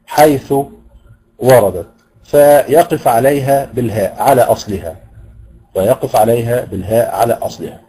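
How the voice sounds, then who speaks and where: A man with an Egyptian accent giving a university lecture on Quranic recitation, explaining slowly and pausing with hesitation sounds. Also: medium pitch, mellow, rough recording. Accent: Egyptian Arabic.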